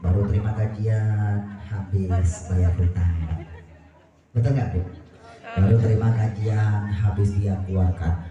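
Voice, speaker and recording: A man with an Indonesian accent preaching a lively sermon with jokes, constantly questioning the audience and swinging between soft and loud. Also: lowish voice, measured pace, lo-fi sound, a crowd in the background. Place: small prayer hall. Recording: very echoey prayer hall with music.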